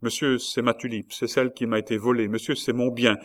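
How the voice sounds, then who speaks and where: A man's voice: medium pitch, little pitch movement, fairly quick, natural voice. Brief: man doing a bold young tulip grower, pleading and insistent, audiobook reading.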